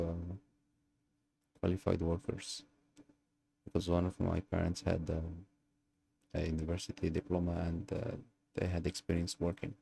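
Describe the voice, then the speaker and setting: A young man from Algeria telling his own story in a casual monologue, pausing often and hunting for words. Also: sits low, vocal fry, dark tone, breathy edge. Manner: hesitant, searching for words with many fillers. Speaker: channel host.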